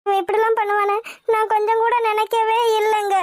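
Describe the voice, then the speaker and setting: A woman playing a fretful cartoon mother, her voice pitched very high and squeaky. She wails and weeps over her runaway daughter, recorded close and dry with no room at all. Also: fairly even intonation, fairly quick, no room sound. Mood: crying. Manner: tearful, wailing lament. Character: fretful middle-aged mother of a runaway bride. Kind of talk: animated cartoon voice acting.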